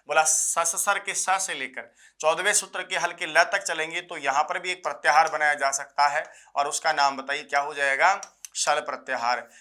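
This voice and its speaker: Here a Sanskrit teacher, male, runs an exam-focused grammar class with a bright, higher-pitched voice. Slow repetition and self-answered questions mark his delivery, along with folksy humor and the habit of calling students "sir."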